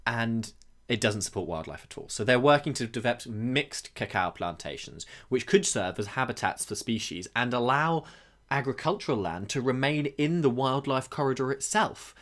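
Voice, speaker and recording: Male podcast co-host, average pitch, thoughtful and halting. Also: animated, fairly bright tone. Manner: thoughtful, often pauses with ums and restarts. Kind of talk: conversational podcast discussion.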